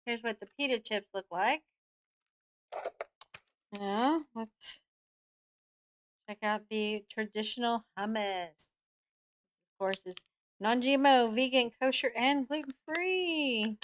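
A middle-aged woman giving a casual product review to camera, speaking informally and haltingly into a desk microphone. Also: on the high side, slight background noise. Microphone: desk microphone close in front, seen.

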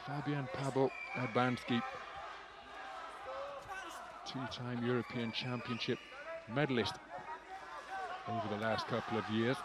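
A man's voice: mid-range voice, heavy background noise. A man giving live boxing commentary, fluent and articulate play-by-play with vivid wording.

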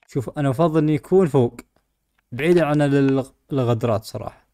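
A man with a Gulf Arabic accent hosts a gaming video in a medium-pitched voice. He comments casually on what he is doing, speaking informally to himself and to the animals in the game. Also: fast, dark tone.

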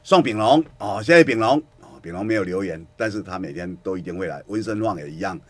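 Male talk radio host, ranting and sarcastic, swinging pitch, dry close sound. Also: lively intonation, quick pace, dry recording. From Kinmen, Taiwan. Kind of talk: political commentary radio talk.

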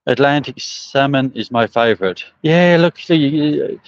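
Broad Australian bloke, dull phone sound. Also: male voice, medium pitch, unhurried, dry recording. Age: middle-aged. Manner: rambling, hesitant, colloquial. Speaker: truck driver livestreaming. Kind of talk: casual live chat answering viewer comments. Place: outdoors on a service station forecourt. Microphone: phone propped at about arm's length. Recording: dull, slightly muffled phone livestream.

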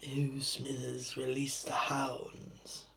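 A man doing an impression of a scheming frail old cartoon tycoon, speaking slowly and in a hushed, drawn-out way. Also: mid-range voice, completely flat delivery, gravelly, noisy background. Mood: sly, doting. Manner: slow, hushed, drawn-out delivery.

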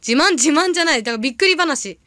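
A young woman with a bright, high voice chats casually to her livestream audience. She rambles through stories and reacts quickly to comments. The sound is dry, with no room echo. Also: lively intonation. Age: young adult. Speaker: idol audition candidate livestreaming. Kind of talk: casual livestream chat reading viewer comments.

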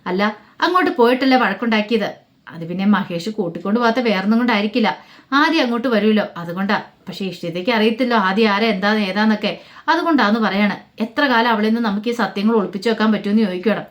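A woman voicing a sly, scheming young sister-in-law in a told story, speaking quickly. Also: mid-range voice, close to an everyday voice. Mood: scornful.

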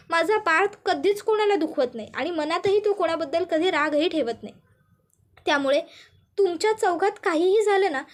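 A woman voicing an affectionate older mother-in-law speaking in an earnest, imploring way. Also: very high voice.

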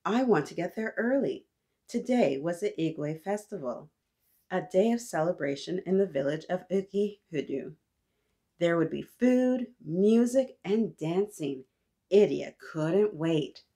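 A woman in her thirties hosts a children's storytime, reading aloud with expression and chatting with the young listeners as though they answer her. Her voice is fairly low, dark and slightly rough, with an expressive delivery at a slightly slow pace.

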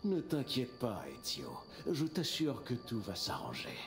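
A middle-aged magistrate from a dubbed video game with a lively, wide-ranging delivery, smooth and reassuring or loudly proclaiming. Strong game music plays under him. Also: male voice, mid-range voice, unhurried. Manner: soothing, then shouting verdicts. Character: male city magistrate, smooth, falsely reassuring. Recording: game audio with loud music.

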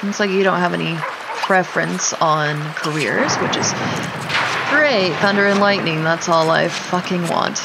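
Over a noisy crowd, a woman gaming streamer gives an unhurried, casual Let's Play of a life simulation game in a lowish voice. She talks both to herself and to the characters, and mouse clicks and clear background noise can be heard.

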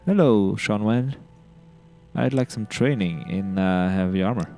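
Chatty low-voiced man gaming. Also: unhurried, warm tone, soft background music. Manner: rambling, chatty, trips over his words; giddy and upbeat this session. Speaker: let's play host. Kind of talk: casual gameplay commentary.

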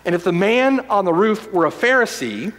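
A male pastor preaching a sermon emphatically, repeating phrases and swinging from loud declarations to hushed lines. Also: high voice, big pitch swings, moderate pace, long reverb tail.

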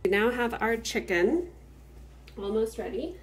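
This home cook, host of a farmstead channel, talks through every step of a cook-with-me video at an easy pace while working in her kitchen. She sounds fairly high-pitched, expressive and a little slow, recorded from afar in a roomy, very noisy space.

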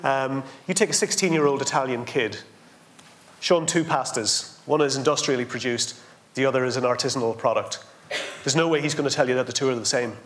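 A man's voice: mid-range voice, brisk. An older man, making emphatic points on a conference panel and repeating words for stress. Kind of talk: panel discussion. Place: indoor conference stage.

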